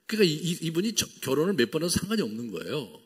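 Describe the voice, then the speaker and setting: Husky-voiced male pastor preaching animatedly. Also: on the high side, very fast, long reverb tail. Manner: animated, acts out the dialogue in playful voices; lots of fillers, wide swings in loudness. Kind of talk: sermon. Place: church sanctuary.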